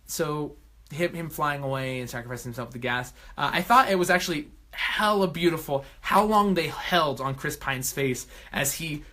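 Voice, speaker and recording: A man hosting his own vlog, giving a casual spoken movie review from a room at home at night, excitable and effusive, swinging between loud bursts and soft murmurs. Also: mid-range voice.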